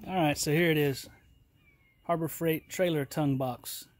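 A middle-aged man gives a plain, unhurried product review outdoors in his yard, talking to a handheld camera. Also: on the high side, fairly even intonation, no room sound. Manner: plain, unhurried, folksy talk with fillers. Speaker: channel host reviewing a trailer tool box. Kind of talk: casual product review vlog. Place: outdoors in a yard beside a trailer.

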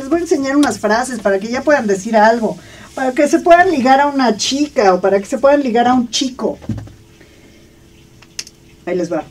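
Slow, drilling Mexican woman teacher. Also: medium pitch, warm tone, recorded from a distance. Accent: Mexican Spanish. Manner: slow drilling, repeating phrases for students. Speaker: English teacher. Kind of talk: English lesson.

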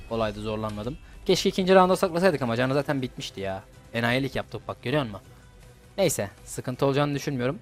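A young man talks through a mobile fighting game. He is casual and slangy, swears at his opponents and sounds like he is chatting with his viewers. His voice sits at a medium pitch, with soft game music underneath. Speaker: gaming YouTuber. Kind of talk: casual gameplay commentary.

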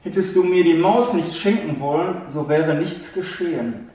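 A man voicing a gentle female hedgehog in a storybook tale, soft and tender, heard from a distant mic in an echoey room. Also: fairly high pitch, moderate pace, muffled recording, close to an everyday voice.

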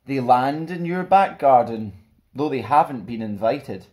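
A young adult man hosts a storytime, presenting warmly and reading a picture book aloud to children with lots of expression. His voice is mid-range and a little slow. He's recorded in a small, plain indoor room at roughly arm's length from the camera.

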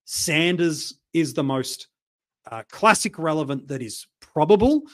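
A man's voice: fairly high pitch, animated, a little slow, a bit bright. A man in a casual panel chat, talking easily with ums and plugging the channel. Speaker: fantasy football panelist.

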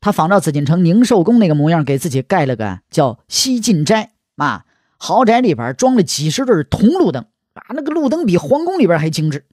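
Male storyteller, high pitched, folksy and talkative, dead-dry booth. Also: big pitch swings, fairly quick, a little mellow, no room sound. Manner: chatty, asides to listener, heavy erhua. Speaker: history storyteller. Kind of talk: colloquial storytelling.

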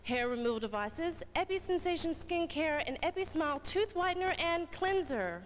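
A woman's voice: very high voice, lively intonation, normal speed. A woman in her twenties reading scripted announcements from a stage as a pageant titleholder. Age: 20s. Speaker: pageant titleholder presenting guests. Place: large pageant theater stage. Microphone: handheld or stand microphone. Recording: echoey hall PA, noisy audience, old tape.

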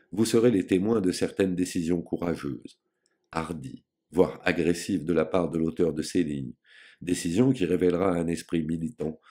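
A man's voice: low-pitched, warm tone. A man reading an audiobook, voicing a pompous, self-important grown man with a grandiloquent, lofty and scornful manner.

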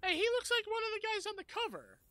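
A woman streaming a video game with friends, excitable, laughing often and swearing casually. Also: very high-pitched, quick pace, a little hiss or hum. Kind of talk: casual gameplay commentary.

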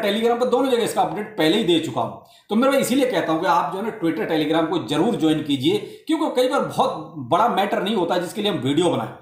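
A man giving casual, chatty crypto updates to his viewers, often calling them brother and repeating filler phrases. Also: sits high. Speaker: crypto YouTuber. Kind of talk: casual explainer talk to viewers. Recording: roomy echoey room sound.

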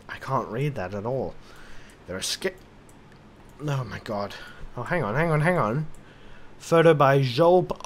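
A tipsy man drawls through a rambling game commentary, slow and unhurried, swearing and muttering to himself. His voice sits at an ordinary middle pitch, with a faint hum of room noise behind it. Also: a bit bright. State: drunk. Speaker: gaming commentator.

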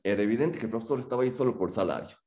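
A man's voice: mid-range voice, very fast, roomy sound. A man, telling a humorous personal story and acting out the people he quotes. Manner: humorous, animated, acts out quotes.

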